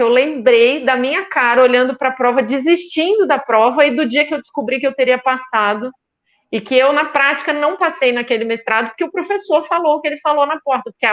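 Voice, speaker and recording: Woman, 50s, Brazilian accent, passionate panel guest, repeats words for emphasis, somewhat dull audio. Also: fairly high pitch. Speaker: feminist union leader, panel guest. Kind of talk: impassioned panel discussion.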